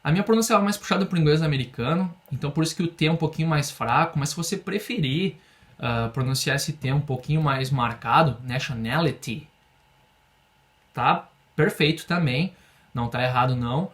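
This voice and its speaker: Patient Brazilian teacher explaining slowly. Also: male voice, on the high side, fairly bright tone. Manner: patient explainer who slows down to model English phrases. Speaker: English teacher. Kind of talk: online language lesson.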